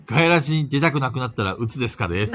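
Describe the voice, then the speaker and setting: A man's voice: medium pitch, a bit bright. A man from Hokkaido hosting a casual online radio chat, teasing and laughing often. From Hokkaido, Japan. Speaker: radio show host.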